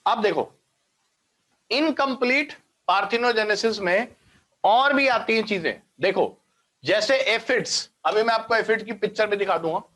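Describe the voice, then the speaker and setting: This male biology teacher's voice sits high and sounds bright and forceful at a normal speed. Teaching online, he walks through the material step by step, mixes in English scientific vocabulary, and frequently makes sure students keep up.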